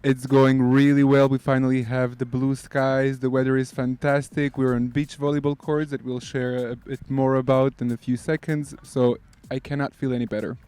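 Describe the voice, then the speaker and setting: A man's voice: mid-range voice, flat delivery, moderate pace, few pauses, darkish tone, clear, resonant tone. A man guest on a casual podcast, recorded outdoors by beach volleyball courts, explaining at length with many fillers.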